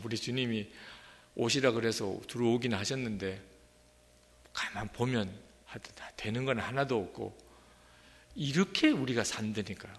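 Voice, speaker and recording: A man's voice: lowish voice, creaky, big-room sound. A middle-aged male pastor preaching a sermon, speaking conversationally and asking his congregation rhetorical questions.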